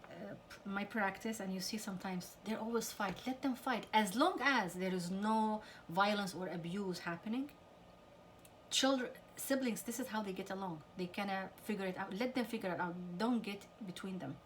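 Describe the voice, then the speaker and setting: With a mid-range voice and a moderate pace, a middle-aged woman counselor speaks earnestly to parents about teen conflict. She acts out quoted parents and teenagers, and a little hiss or hum sits under the recording.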